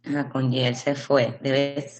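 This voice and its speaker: A woman hosting an online talk on a video call, casually welcoming people as they join, chatty and friendly with soft laughs. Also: very deep voice, flat delivery, takes it slowly. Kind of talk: casual video-call chat, greeting arriving attendees.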